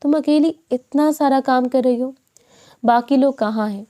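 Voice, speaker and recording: A woman's voice: sits high, dark tone, lightly acted. A woman voicing a kindly middle-aged neighbor auntie who speaks in a sympathetic, motherly way.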